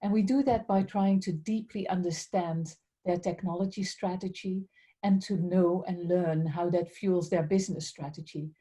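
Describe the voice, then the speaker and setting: On a video call, a Dutch-accented woman leads a business webinar with polite manners and frequent remarks about how grateful she is. She heads strategic accounts, and her voice sits on the low side with a mellow quality.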